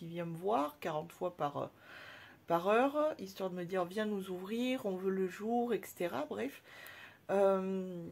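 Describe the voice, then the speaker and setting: A woman's voice: medium pitch, creaky, darkish tone, husky. A woman vlogger chatting casually about her day, slangy and full of asides. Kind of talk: casual vlog chat.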